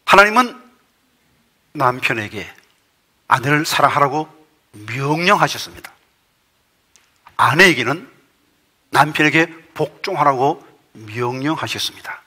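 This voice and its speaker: Bright-voiced Korean pastor preaching. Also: male voice, a little high, lively intonation, breathy edge. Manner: emphatic preaching with rising, forceful peaks; reads a quoted testimony aloud in a measured storytelling tone. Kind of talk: sermon.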